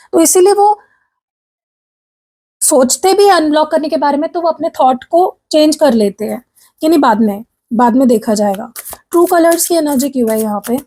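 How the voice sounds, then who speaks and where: Keeping her voice high yet soft and mellow, a tarot reader chats casually with her viewers despite a sore throat. She blends English phrases into her Hindi speech, addresses everyone as "guys", and keeps checking in with a frequent "theek hai?"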